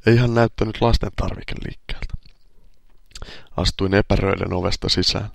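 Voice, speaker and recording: Gravelly-voiced man, deadpan storyteller. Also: low-pitched, dry recording. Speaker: podcast host. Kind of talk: reading a humorous first-person column.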